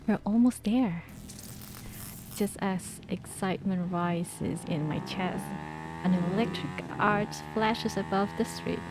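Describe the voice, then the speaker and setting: A woman streamer with a mid-range, gravelly voice reads a romance game's narration aloud, taking it slowly against a noisy background. Between passages she chats casually with viewers, thinking aloud and using fillers.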